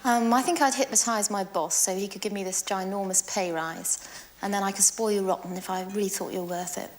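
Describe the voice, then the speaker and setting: A woman giving wry, deadpan joke answers on a TV dating show. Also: mid-range voice, fairly quick. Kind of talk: scripted witty answers.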